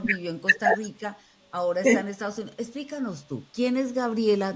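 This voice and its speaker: A woman hosting a podcast interview, introducing her guest in a measured, emphatic way. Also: medium pitch. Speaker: podcast host.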